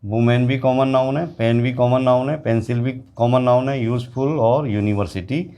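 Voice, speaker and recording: A man teaching an English grammar lesson to students, explaining slowly and repeating example words. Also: mid-range voice, fairly even intonation, warm tone. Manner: slow, repetitive explaining, addressing students directly.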